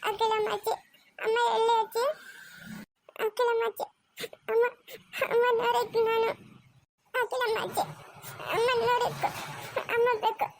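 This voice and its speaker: A woman's voice: extremely high pitch, flat delivery, moderate pace, very noisy. Woman voicing a whiny little cartoon boy. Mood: crying. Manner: whiny, repetitive pleading. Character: small whiny little boy, clingy and tearful. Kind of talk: cartoon voice acting.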